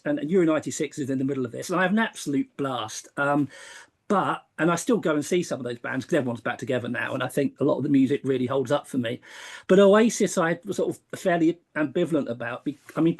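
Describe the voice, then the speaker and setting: A man in his fifties, a podcast panelist in casual chat, reflective and often restarting his sentences. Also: a little high. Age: 50s.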